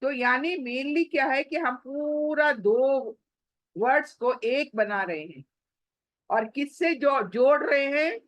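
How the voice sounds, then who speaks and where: Woman, recitation teacher: high voice, very dry recording, stretches each example slowly before explaining. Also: dry recording, dull audio. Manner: slow drawn-out recitation of examples, then brisk explanation. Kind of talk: online tajweed lesson.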